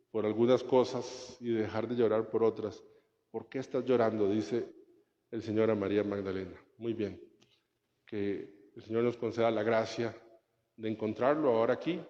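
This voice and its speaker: A man's voice: mid-range voice, a little mellow. A man delivers a homily as a priest, telling stories and asking his listeners questions. His voice carries a long church reverb, and the sound is muffled. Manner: conversational preaching, tells anecdotes, asks rhetorical questions.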